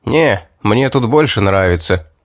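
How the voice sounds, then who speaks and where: A man's voice: fairly low pitch, animated, a little slow, no echo, studio quality. A man reading the lines of a wary, sarcastic young mercenary in a fantasy audiobook. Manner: sarcastic and curt.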